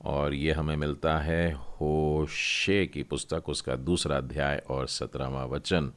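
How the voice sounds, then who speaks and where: A man's voice: a bass voice, level tone, takes it slowly. A man teaching a Hebrew lesson, explaining step by step and repeating each new term. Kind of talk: classroom lesson.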